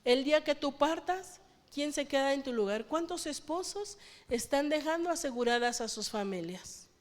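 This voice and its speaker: A woman pastor preaches to her congregation, firing rhetorical questions at them. Her voice sits fairly high, and long church reverb trails after each phrase. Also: expressive, normal speed. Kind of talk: sermon.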